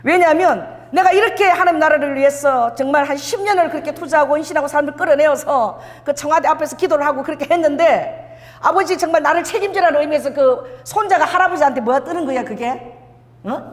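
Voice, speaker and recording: In a reverberant church sanctuary, a woman pastor with a high voice preaches at a quick pace. She tells stories animatedly, laughs often, and acts out dialogue during her sermon.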